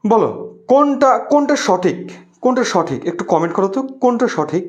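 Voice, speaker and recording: A man teaching an online class, his voice sitting high and swinging widely in pitch. He drills key words by repeating them and keeps prompting students to comment and answer. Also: sing-song, fairly quick, darkish tone, muffled recording.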